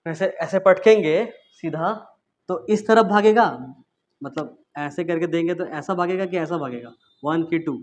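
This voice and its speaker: A man's voice: fairly high pitch, measured pace, a little mellow. A man teaching physics in a classroom, chatting casually as he quizzes students and demonstrates with objects. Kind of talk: classroom lecture.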